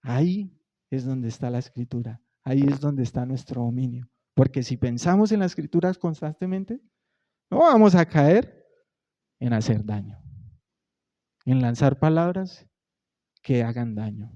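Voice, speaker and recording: A man, preaching a Sunday sermon in a conversational way, rising to loud emphasis and dropping to quiet, soft lines. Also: mid-range voice, expressive, a little slow, long pauses, lo-fi sound. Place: church sanctuary.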